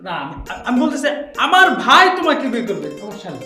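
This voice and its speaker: An exasperated groom who pleads and protests in a fairly high voice. The room is echoey, with faint music behind. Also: male voice, huge pitch swings, quick pace, pushed and bright, heavily acted. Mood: protesting. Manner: exasperated, cajoling. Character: exasperated groom sorting out a family muddle. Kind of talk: television comedy drama.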